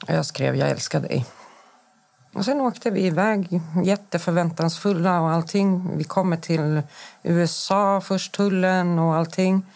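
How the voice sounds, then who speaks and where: A Swedish woman in her forties, appearing as a podcast guest, shares a personal account in conversation. Her voice is fairly low, steady, and a little mellow. She tells events in detail, acts out the dialogue she quotes, and often breaks off mid-sentence to start again.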